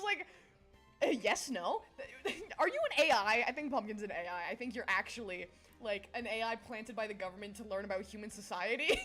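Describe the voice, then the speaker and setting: A young adult woman streams and chats casually with viewers in a fairly high, bright voice with a forceful tone. She's giggly and scatterbrained, leaping from topic to topic.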